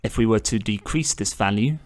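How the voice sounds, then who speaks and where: This is step-by-step screen tutorial narration for a piece of software, delivered by a man whose voice sits fairly low. Like a channel host, he stays measured and instructional as he covers each click.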